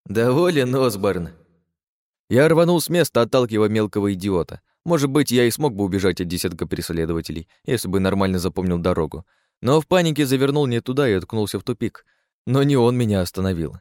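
Man, low pitch, dry recording, sardonic, first-person audiobook narration. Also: animated, fast, darkish tone, dry recording. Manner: sardonic and crude.

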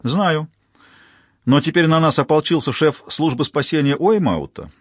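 A man doing a brisk male office colleague. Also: a little high, no echo, pitched above the performer's own voice, close to an everyday voice.

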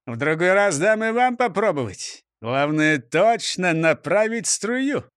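A man's voice: high voice, very animated, unhurried, a bit bright, clear, resonant tone, dry recording, studio quality, full character voice. A man voicing a pompous, self-important fire chief who gives orders and boasts, in a storybook reading. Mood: boastful. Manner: bossy, boastful.

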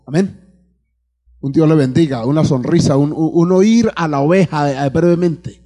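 With a fairly high, mellow voice at a moderate pace, a Colombian-accented pastor addresses his congregation in church. He questions them, calls out amens, and repeats words often while reaching for the next.

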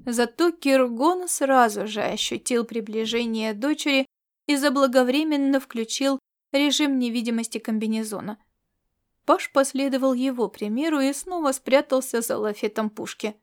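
A woman narrates a story in an audiobook. Her voice sits high, and she reads in a slow, measured way.

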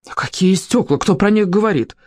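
A reader voicing a fat, angry, bossy shop saleswoman who scolds in a high, shrill voice in an audiobook. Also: lively intonation, brisk, a little mellow, dry recording, studio quality, natural voice. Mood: scolding. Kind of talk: audiobook character voice.

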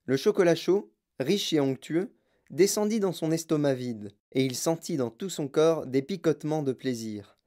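A man reading a children's storybook aloud in a calm, even narration. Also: a little high, normal speed.

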